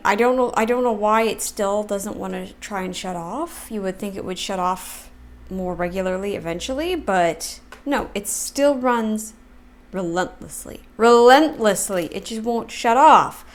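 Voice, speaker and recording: Higher-pitched woman, casual rambling commentary. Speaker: reaction video host.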